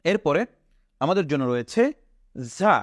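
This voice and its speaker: A man with a Bangladeshi Bengali accent, teaching Quran letter pronunciation step by step, asking questions and answering them himself and drawing out each sound slowly. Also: on the high side, lively intonation, dry recording, clean studio sound. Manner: slow, patient, repeats each letter sound drawn out.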